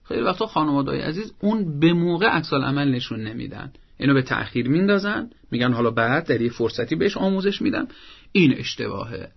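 A man with a gravelly, creaky voice gives parenting advice on a broadcast talk program. He lays out his points one by one in a firm, teacherly manner. The sound is dull and lo-fi. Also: medium pitch, lively intonation. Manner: firm, didactic, explains step by step. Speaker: parenting advisor.

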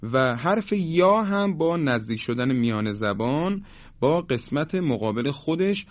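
A man giving a formal, polite pronunciation lesson on Quran recitation, repeating sounds slowly to demonstrate them. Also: a little high, expressive, dry recording. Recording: slightly dull lo-fi sound.

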